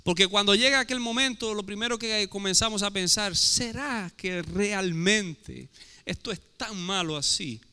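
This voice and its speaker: His voice sits high, slightly slow, sharp yet smooth, as this pastor preaches in Portuguese-tinged Spanish. The sermon is emphatic and packed with rhetorical questions, and the hall adds echoey reverb.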